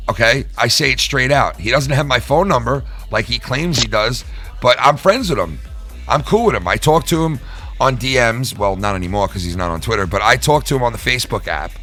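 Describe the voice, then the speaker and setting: A man's voice: mid-range voice, animated, brisk, a bit bright, faint music behind. A man hosting a live show in casual livestream talk, profane, rambling and emphatic.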